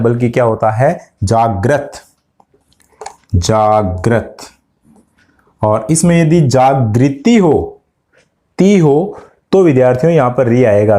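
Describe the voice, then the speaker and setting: Man as a grammar tutor with a warm, mellow tone, patiently walking students through corrections. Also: mid-range voice. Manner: explains step by step, asks students questions; addresses students directly. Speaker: Hindi grammar teacher. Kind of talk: exam-prep lesson.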